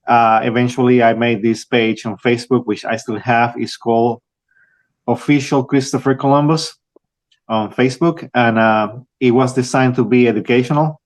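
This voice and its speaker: A younger man from Rico, answering interview questions as an author, halting with many restarts. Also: mid-range voice, steady tone. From Puerto Rico. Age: young adult. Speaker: author guest.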